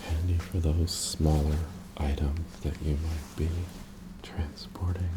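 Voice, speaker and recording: A man in a whispered ASMR role-play as an attentive, courteous tailor, breathy and softly presenting his wares to a customer. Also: very deep voice, level tone, slow pace, background noise.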